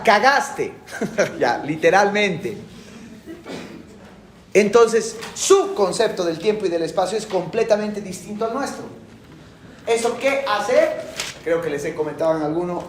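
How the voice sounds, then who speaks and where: A man's voice: high-pitched, animated, a little slow, long pauses, reverberant, a little hiss or hum. A middle-aged man giving a classroom lecture in a colloquial, emphatic way, repeating his key phrases. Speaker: university lecturer.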